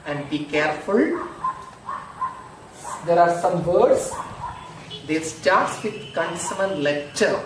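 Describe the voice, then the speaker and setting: A male school teacher, slowly explaining grammar in an online lesson and repeating examples. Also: fairly high pitch, animated. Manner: slow, repetitive, drills examples aloud. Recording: echoey room, distant mic, noisy.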